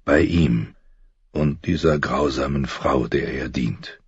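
A man playing a grave noble father who speaks slowly and softly to his daughter. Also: extremely low pitch, slightly rough, no room sound, muffled recording, exaggerated voice. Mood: tender. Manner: slow, soft, murmuring.

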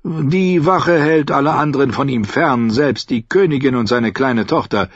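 A man's voice: mid-range voice, normal speed, dry recording, voice pushed up, natural voice. A man voicing a genial, sly older pirate merchant who talks in a coaxing, lilting way in a storybook reading. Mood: confiding. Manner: lilting, coaxing, fond of flattery. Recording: dull dry studio audiobook.

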